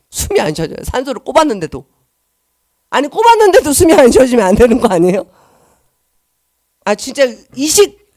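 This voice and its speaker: A middle-aged woman giving an emotional church testimony, earnest and shifting between soft and loud. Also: a little high, no echo, clean studio sound.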